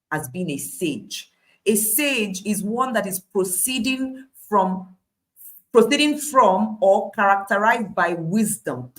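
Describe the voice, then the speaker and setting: A woman with a Nigerian accent preaching a devotional Bible study in an emphatic, declarative way, repeating phrases for weight. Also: medium pitch.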